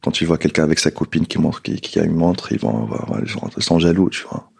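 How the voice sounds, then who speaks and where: Low gravelly guy chatting on a podcast, keeps stumbling and restarting. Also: a little fast. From Tunisia. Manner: hesitant, many restarts and repeated words. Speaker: podcast guest. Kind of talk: casual conversation.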